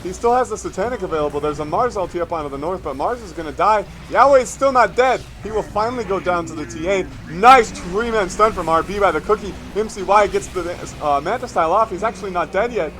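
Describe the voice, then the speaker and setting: A man casting live esports play-by-play, calling a team fight in fast, rising bursts, tired and with his voice a bit worn late at night. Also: high voice, expressive, fairly bright tone, slight background noise. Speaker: esports caster. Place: at home, streaming late at night.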